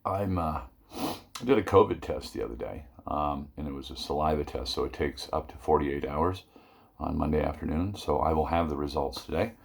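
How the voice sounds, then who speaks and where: Older man, husky voice, meandering casual storytelling, lots of asides. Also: rumbling low, normal speed. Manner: meandering, many fillers and asides, chuckles. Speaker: vlogger telling a story.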